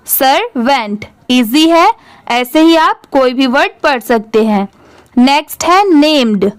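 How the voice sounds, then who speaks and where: In a slow reading lesson recorded with no echo, a high-voiced woman teaches English by spelling every word out letter by letter. She then asks the class how to read it and supplies the blended answer herself.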